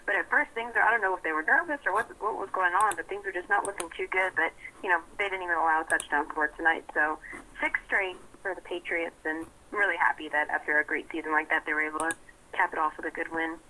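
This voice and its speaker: A woman's voice: lowish voice, quick pace, pushed and bright, a little hiss or hum, low-quality recording. A young woman calling in as a sports reporter, chatty, laughing often and restarting her sentences. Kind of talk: casual on-air report.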